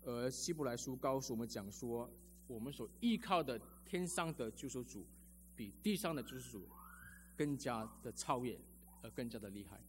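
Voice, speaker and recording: A man's voice: medium pitch, animated, moderate pace, slight background noise. A man preaching a sermon as a pastor, telling personal stories in a chatty way with lots of sentence-final particles.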